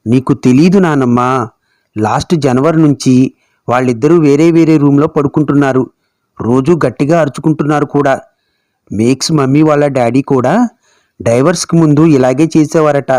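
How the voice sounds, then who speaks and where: A man's voice: mid-range voice, normal speed, darkish tone, no room sound, close to an everyday voice. A man voicing a young schoolboy grandson who talks in a sobbing, pleading way. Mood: upset. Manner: sobbing, pleading child talk.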